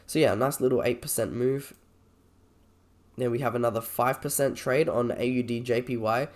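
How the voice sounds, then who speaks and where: A man with a croaky, slightly sick voice, talking informally and a little hesitantly as he reviews trades on a screen recording. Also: mid-range voice, fairly even intonation, moderate pace. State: sick with a cold or cough. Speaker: trader presenting a video.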